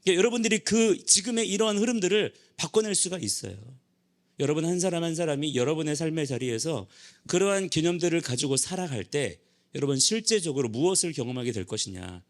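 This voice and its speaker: Pastor preaching, lively questioning voice. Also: male voice, a little high, quick pace. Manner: exhorting with many rhetorical questions. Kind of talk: sermon to a young adult congregation.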